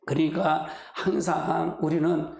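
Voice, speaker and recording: A man's voice: fairly high pitch, little pitch movement, takes it slowly, creaky, crowd noise. A man preaching a sermon as pastor, talking in a colloquial, emotional way with sighing exclamations, in a church sanctuary. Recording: echoey church hall.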